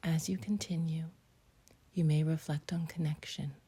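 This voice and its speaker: Short, gentle phrases with long pauses between them mark this woman's guided meditation. Her voice is very husky and breathy, almost a whisper, with a mellow, somewhat low, creaky quality and a steady tone.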